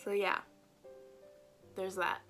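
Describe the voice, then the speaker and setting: A young adult woman vlogs casually to camera from a small indoor bedroom, informal and self-deprecating, trailing off, her speech slightly thick as if her mouth were swollen. Her medium-pitched voice is monotone, slow and sharp, with faint music behind on a noisy home bedroom recording.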